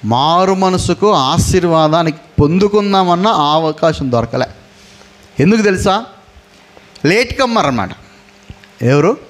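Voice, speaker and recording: A pastor with a high-pitched voice delivers a storytelling sermon. He keeps asking his listeners questions and answers them himself. He slips into the voices of the story's characters as he goes. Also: unhurried, pauses often. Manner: animated Bible storytelling with frequent rhetorical questions; acts out characters' quoted lines in the story.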